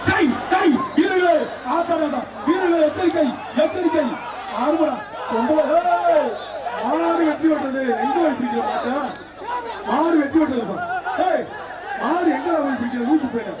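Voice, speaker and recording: High shouting announcer over a loudspeaker. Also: male voice, normal speed. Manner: shouting, repeating short calls. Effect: through a loudspeaker system. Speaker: event announcer. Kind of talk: live shouted commentary. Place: outdoor bull-taming arena. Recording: echoey, distant, dull loudspeaker sound. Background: loud cheering crowd and noise.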